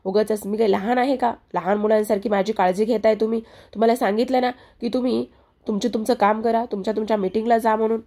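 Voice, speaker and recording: A woman's voice: on the high side, normal speed, gravelly, mellow. Kavya, a sick, stubborn young wife, read by a woman. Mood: angry. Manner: insistent, scolding, then apologetic. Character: young wife, ill with fever, stubborn and proud.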